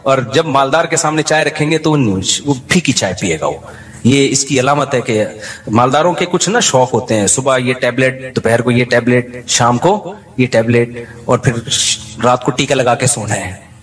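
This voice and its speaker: A man's voice: mid-range voice, moderate pace. A man giving a humorous religious talk, telling stories with jokes and laughing at his own punchlines. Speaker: Islamic scholar giving a talk.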